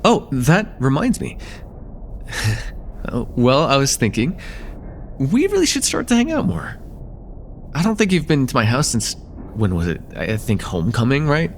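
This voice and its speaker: This mid-range male voice carries vocal fry over a faint hiss or hum. Playing a friendly, slightly nervous college student in a relaxed slice-of-life ASMR roleplay, the young man sounds shy yet hopeful, stammering and hesitant while casually putting himself down.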